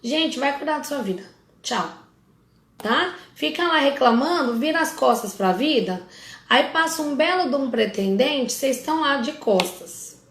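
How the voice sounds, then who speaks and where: High, gravelly Brazilian woman therapist. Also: lively intonation, moderate pace, fairly bright tone, echoey room. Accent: Brazilian Portuguese. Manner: direct, scolding, informal asides to the audience. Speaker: family constellation therapist. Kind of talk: casual talk to followers.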